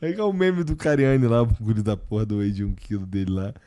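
A man's voice: on the low side, big pitch swings, quick pace, warm tone. A man co-hosting a casual podcast chat, teasing with short replies.

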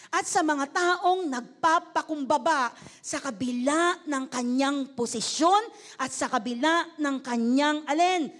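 A woman pastor from the Philippines preaching a lively sermon in church. She keeps calling out questions to the congregation, speaks politely, and switches between Tagalog and English. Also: sits high, slow. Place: church service.

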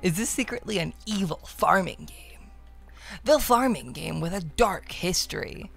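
A woman game streamer offers casual, playful, irreverent commentary while she plays, also reading the game's dialogue aloud. Her creaky voice sits on the low side, animated and a little slow, with faint music behind it.

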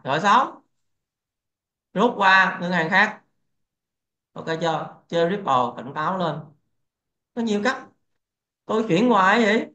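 A man's voice: sits high, pushed and bright. A man hosting a crypto trading channel, lecturing bluntly and swearing freely in a casual livestream rant. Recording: echoey, dull lo-fi sound.

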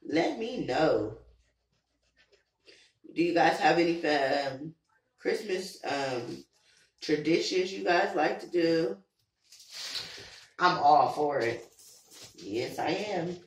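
Woman, hoarse from being sick, casual vlog chat, lots of questions for viewers, echoey room, far from mic. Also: low voice, expressive, slow, long pauses. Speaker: vlog host. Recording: roomy echo, from far off the mic, faint noise.

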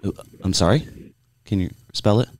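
A man chatting with a phone scammer in a playful, mock-friendly way, feigning sensitivity and warmth. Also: lowish voice, moderate pace, very noisy. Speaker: prank caller. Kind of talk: mock-friendly prank call chat.

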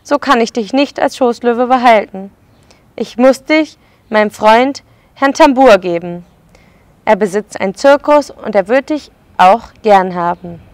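A woman's voice: on the high side, measured pace, a little mellow, no room sound. A woman voicing a tender, anxious lady who keeps a pet lion, in a read-aloud storybook. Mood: fretful.

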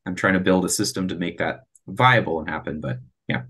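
With a deep, bright and forceful voice that is fairly quick and breathy at the edges, a man in his thirties earnestly answers questions about his space project. The presentation and Q&A happen on a video call from a small home or office room via computer microphone, and he often restarts his phrasing.

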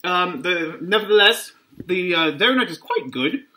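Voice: mid-range voice, expressive, unhurried. Masked food vlogger, muffled through a costume mask, wry self-mocking banter, noisy recording. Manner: jokey, rambling, self-mocking asides. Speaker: snack reviewer. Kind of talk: casual food review vlog. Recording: clear background noise.

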